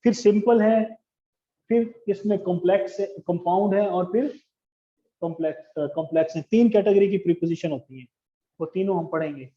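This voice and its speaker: A man's voice: high-pitched, brisk, mellow. A man teaching English grammar in a classroom lecture, explaining step by step and asking the class questions. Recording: dull lo-fi classroom recording.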